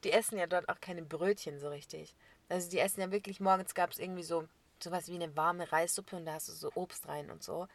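A young woman chatting casually as a podcast co-host, telling a story with lively laughs and acted-out quotes. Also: on the low side, brisk. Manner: animated storyteller, laughs often, acts out quotes.

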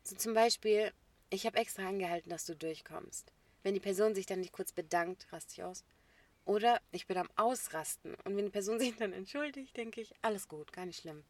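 A young woman in casual chat, animated and slangy, laughing often. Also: medium pitch, brisk, no echo.

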